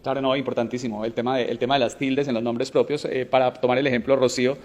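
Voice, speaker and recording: A man's voice: medium pitch, flat delivery, fast talker, darkish tone. A man hosting a TV segment, posing questions and recapping the answers for viewers. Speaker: host. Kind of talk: TV interview questioning. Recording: long echoing reverb.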